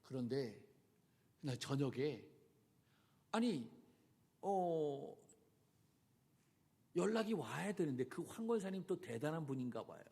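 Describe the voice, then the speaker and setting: A male pastor telling a story in a sermon, dropping to hushed murmurs and then rising to shouts. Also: fairly high pitch, husky. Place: church sanctuary. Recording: reverberant church sanctuary.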